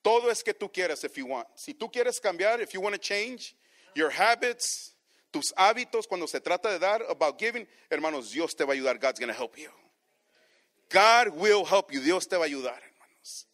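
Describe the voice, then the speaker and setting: A pastor's high-sitting, fairly bright voice moves with lively intonation at a moderate pace through a bilingual sermon. He says every line in one language before repeating it in the other, and keeps addressing his congregation as brothers.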